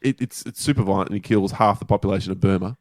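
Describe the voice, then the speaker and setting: A man's voice: low voice, rapid-fire, a little mellow, no room sound. A man co-hosting a podcast, laying out film details in a matter-of-fact way while getting over a cold. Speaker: podcast co-host, film reviewer. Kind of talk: casual film review chat.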